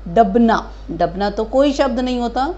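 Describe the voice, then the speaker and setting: A woman teaching a kindergarten Hindi lesson, stretching out each word slowly and asking gentle questions of young children. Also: medium pitch, animated, dull audio. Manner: slow drawn-out syllables modelling words for children; patient questioning, addresses children as beta.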